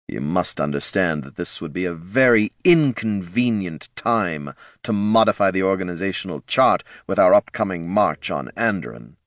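A scheming undead overlord speaks with silky condescension, his voice climbing high as he lays out his grand designs. A man with a deep voice puts him on for an audiobook. The sound is dry and close. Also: lively intonation, normal speed, fairly bright tone, dry recording. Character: scheming male lich overlord, smug and cold.

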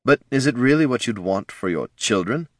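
An audiobook narrator voicing a defiant undead male knight commander who speaks low, grim and measured. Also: expressive, no room sound, clean studio sound, close to an everyday voice.

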